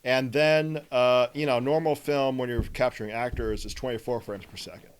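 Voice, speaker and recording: A man's voice: medium pitch, steady tone, normal speed, clean tone. A man hosting a film podcast, explaining movie trivia in a rambling way with many fillers. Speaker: podcast host. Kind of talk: casual film discussion.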